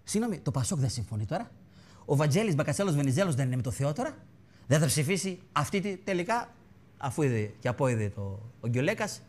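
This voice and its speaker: A man's voice: a little high, big pitch swings, darkish tone. A man hosting a TV show, giving mocking, theatrical satirical commentary on politics. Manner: mocking, theatrical, mimics bells and voices. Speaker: TV show host.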